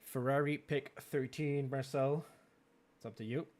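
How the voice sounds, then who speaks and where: A man with a French Canadian accent hosting a racing league draft, chatty and quick to laugh, with plenty of fillers. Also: mid-range voice, steady tone, a little mellow. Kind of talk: live-streamed draft commentary.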